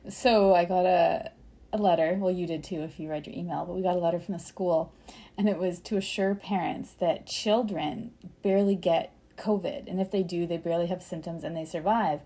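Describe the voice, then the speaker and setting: A woman co-hosting a podcast, animated and exasperated in casual chat. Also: lowish voice, brisk. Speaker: podcast co-host.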